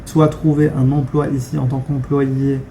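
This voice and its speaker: Frank young man with a dark voice. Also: medium pitch, level tone, moderate pace, gravelly, a little hiss or hum. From France. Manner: conversational, frank, many fillers and restarts. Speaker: vlogger. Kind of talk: casual talking-head vlog.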